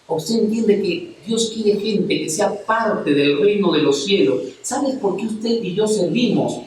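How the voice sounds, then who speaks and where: A man's voice: high voice, expressive, unhurried, a little mellow, a little hiss or hum. A man preaching a passionate sermon to a congregation, firing rhetorical questions at them as he speaks. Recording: very echoey church hall, mic at a distance.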